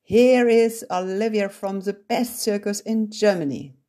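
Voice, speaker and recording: A woman's voice: mid-range voice, measured pace, warm tone, pitched above the performer's own voice, close to an everyday voice. A woman voicing a showy young circus girl who speaks with a put-on American accent and mixes broken English into German. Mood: bubbly.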